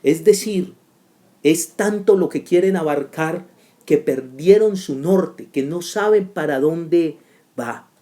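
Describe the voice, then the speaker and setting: Emphatic preaching man, mellow voice. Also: fairly high pitch, takes it slowly. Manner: emphatic, repetitive cadence with rising outbursts. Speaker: preacher teaching a preaching school. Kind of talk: sermon-style teaching.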